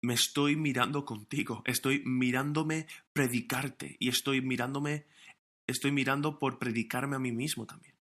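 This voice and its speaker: A man's voice: medium pitch, steady tone, normal speed, fairly bright tone. A man preaching a sermon as pastor, earnest and emphatic, often restarting his phrases, recorded for an online broadcast. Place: recorded for online streaming during lockdown.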